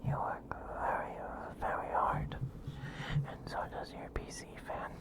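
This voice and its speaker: At a measured pace, a man livestreams ASMR, chatting casually and cooing affectionately at his viewers. He often drops into a whisper close to the mic.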